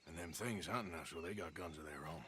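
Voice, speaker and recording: An actor playing a middle-aged outlaw gunman, gruff and dryly wry. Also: sits low, fast talker, bright, forceful tone. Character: weary, dry-humored outlaw gunman, middle-aged man. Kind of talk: video game acting. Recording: noisy game audio.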